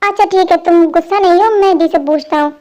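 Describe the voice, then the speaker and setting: A gentle, earnest young man in a fan dub drama, soft and coaxing, as a very high-voiced dubber puts him on. The sound is very high and completely dry, with no room at all. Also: fast talker, no echo, lo-fi sound.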